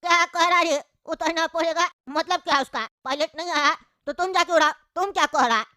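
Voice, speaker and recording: A woman's voice: extremely high pitch, a little fast, sharp tone, dry recording, clean studio sound. A woman voicing a sick old father in a cartoon, grumbling and coughing between complaints. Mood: indignant. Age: older. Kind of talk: cartoon voice acting.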